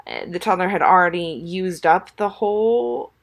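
A woman's voice: fairly low pitch, moderate pace, vocal fry. A young woman and mother telling a casual story on her podcast, chatty and full of fillers, often laughing.

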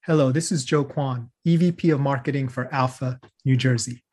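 A man's voice: medium pitch, fairly even intonation, moderate pace, darkish tone, husky. A man hosting a podcast interview, upbeat and friendly, moving from a scripted intro into casual questions. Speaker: podcast host.

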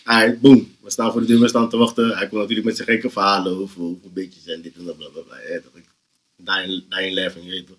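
A young man, telling an animated, slang-heavy story on a casual podcast and often laughing. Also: low-pitched, fast talker. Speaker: podcast host.

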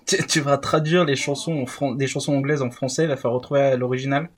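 A man's voice: medium pitch, steady tone, quick pace, breathy edge. A man playing as a contestant in a casual quiz, joking and teasing the others. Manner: teasing, jokey. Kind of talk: casual banter. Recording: loud group chatter behind.

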